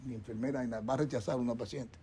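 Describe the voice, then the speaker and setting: This rapid-fire, warm-toned voice belongs to a middle-aged doctor from the Dominican Republic, a talk show panel guest whose Dominican Spanish rambles with repeated words and many restarts. His pitch is mid-range with fairly even intonation, and there is slight background noise.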